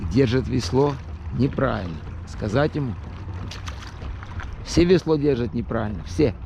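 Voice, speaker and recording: Out on the water on his paddleboard, a vlogger with a Brooklyn-tinged Russian accent makes casual, thoughtful conversation, going slowly and restarting frequently. His mid-range voice has lively intonation, vocal fry and a dark tone, with some hiss or hum behind it.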